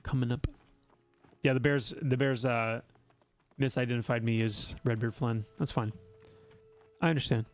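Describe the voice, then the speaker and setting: A man's voice: medium pitch, fairly even intonation, normal speed, long pauses. Man chatting to his stream chat. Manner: chatty, talks directly to chat with wry teasing asides. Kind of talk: casual livestream commentary while gaming.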